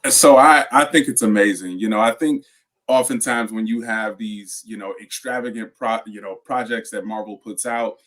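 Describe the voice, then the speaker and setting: A man's voice: lowish voice, moderate pace, a bit bright. A man appearing as a guest on a casual podcast chat, talking in a friendly, grateful way.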